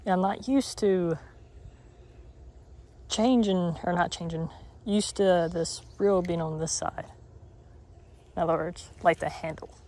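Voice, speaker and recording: A man's voice: high voice, takes it slowly, long pauses, darkish tone. A man vlogging while he fishes at a pond, talking in a casual, rambling way and correcting himself, recorded on a chest-mounted camera outdoors. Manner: rambling, self-correcting, offhand. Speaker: fishing vlogger. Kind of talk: casual outdoor fishing commentary.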